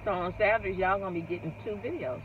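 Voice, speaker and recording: A woman's voice: mid-range voice, fast. A woman vlogger chatting casually to her viewers while chewing food, sitting in a parked car. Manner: chatty, addresses viewers as y'all. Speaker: mukbang vlogger. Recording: dull lo-fi sound, faint noise.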